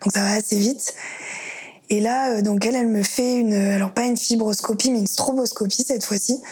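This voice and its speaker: A young woman gives a personal testimony in an interview, speaking hesitantly and reflectively with many fillers. Her voice sits on the high side and is dark, very breathy and husky, with a steady tone at a moderate pace.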